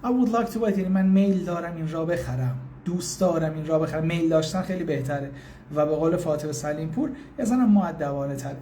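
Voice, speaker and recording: High-voiced man teaching a live language lesson. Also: dark tone, slight background noise. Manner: reads out viewers' names and repeats English phrases slowly; explains patiently and informally. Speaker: English teacher.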